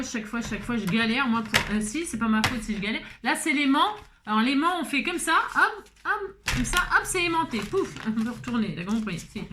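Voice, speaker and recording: A fairly high-voiced woman with a French accent chats her way through a card-making project at her craft table. She thinks aloud and laughs at her own fumbles. A faint hiss sits under the recording. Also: sharp tone. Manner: chatty, self-mocking, thinks aloud with many fillers. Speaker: craft video host. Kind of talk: casual crafting demonstration.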